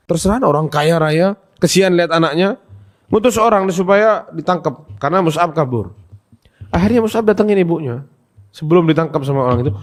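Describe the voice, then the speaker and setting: Animated preacher man. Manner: storytelling with acted quotes, pitch swinging high and low. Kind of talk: sermon answering questions.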